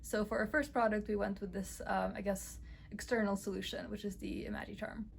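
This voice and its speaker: A young woman from Romania, a startup cofounder and developer, answering interview questions and showing visitors around her office in a relaxed way, often saying "um" and "I guess". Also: mid-range voice, fairly quick, vocal fry, a little hiss or hum, poor audio. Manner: relaxed, many "um" and "I guess" fillers. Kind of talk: casual interview and office tour.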